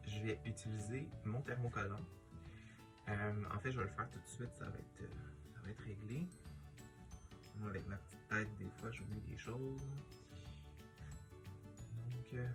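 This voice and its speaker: A man with a Quebec French accent giving a casual hands-on tutorial, thinking aloud hesitantly as he works. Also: lowish voice. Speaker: sewing tutorial host.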